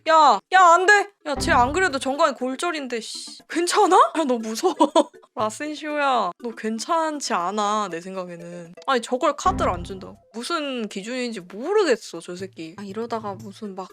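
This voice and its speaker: Excitable high-pitched woman reacting to football. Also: moderate pace, hardly any pauses, soft background music. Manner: emotional, swearing, yelling at players. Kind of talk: live match reaction.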